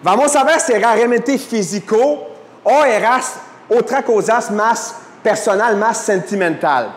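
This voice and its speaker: A man teaching a Bible class to a live audience, often checking in with questions and slipping in English fillers. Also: high-pitched. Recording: echoey hall.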